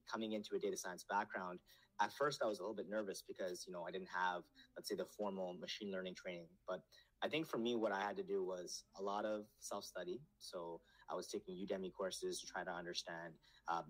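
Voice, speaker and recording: A man in his thirties, born in Nepal, talks through his move into tech as an interview guest on a video call. His voice sits very low and his words come quickly. He rambles comfortably, full of fillers and restarts. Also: poor audio. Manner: relaxed storytelling, many fillers, mixes English and Nepali. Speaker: business developer, guest.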